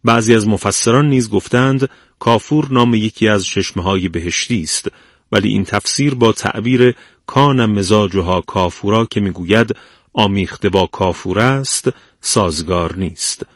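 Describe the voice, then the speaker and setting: A man with a low voice reads a scripted explanation at a calm, measured pace, like a radio presenter. The recording is dry and close, with no room sound around him. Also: no echo.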